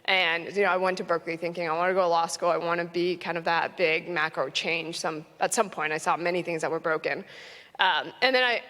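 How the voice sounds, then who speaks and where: A woman's voice: fairly low pitch, a bit bright. A young adult woman from Florida, a venture investor speaking earnestly on a conference panel with frequent "um"s and restarts. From United States (Orlando, Florida). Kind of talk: conversational panel talk. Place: conference stage in a large hall. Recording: long hall reverb.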